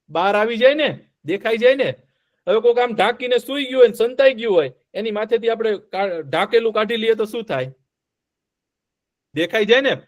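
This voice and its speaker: A man telling a story to children as a teacher, asking them questions and repeating the answers playfully. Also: sits high. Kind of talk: interactive storytelling lesson for children.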